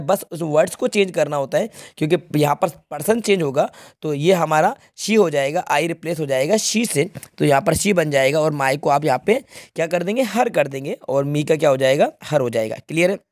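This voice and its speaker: A man's voice: fairly high pitch, a little mellow, no room sound, clean studio sound. A man teaching English grammar, walking through an exam paper step by step and often checking that students follow. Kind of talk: exam paper walkthrough lesson.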